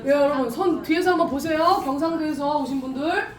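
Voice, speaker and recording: A middle-aged woman hosting a camp event, speaking to a large audience in a lively way and laughing often. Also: sits high, brisk. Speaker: event host. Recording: echoey hall, distant mic, crowd noise.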